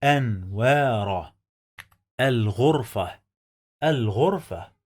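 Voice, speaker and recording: A man with an Egyptian accent dictating as a literacy teacher, deliberately repeating words and breaking them into syllables. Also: mid-range voice, expressive, darkish tone. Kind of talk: slow dictation lesson, sounding out words by syllable.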